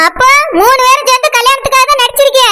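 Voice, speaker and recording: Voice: very high voice, fairly even intonation, racing, very noisy. Someone voicing a sneering cartoon bully woman. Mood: scornful. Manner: scornful and mocking, full of threats. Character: domineering, threatening woman tormenting her household.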